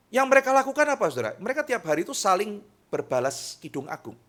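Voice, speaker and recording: A male pastor preaching a sermon to a youth service. He is lively and conversational, often addresses the listeners as brothers and sisters, and acts out quarrels between spouses. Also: on the high side.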